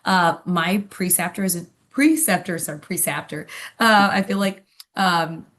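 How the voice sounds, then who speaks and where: A woman with a Midwestern accent and a lowish voice talks as a nurse in a casual webinar. She is chatty and catches and corrects herself quickly along the way. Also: a bit bright. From Ohio.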